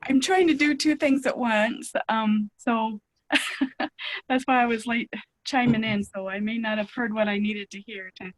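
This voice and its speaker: A woman's voice: a little high, fairly even intonation, a little slow, no echo, poor audio. A woman taking part in a group call, chatting casually as a participant. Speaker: workshop participant. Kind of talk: casual chat.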